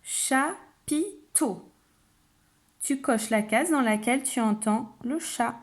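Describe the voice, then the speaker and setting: A woman, a kindergarten teacher, calmly explaining a phonics game to parents and stretching out example words. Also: a little high, moderate pace. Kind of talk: home-schooling phonics lesson for parents.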